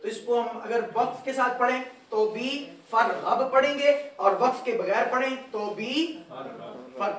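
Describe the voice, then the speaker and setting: High-voiced man teaching in an echoey hall. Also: unhurried, a bit bright. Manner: patient, repeats and quizzes students. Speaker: religious teacher. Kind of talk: Quran recitation lesson. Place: mosque hall. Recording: echoey hall, far from mic.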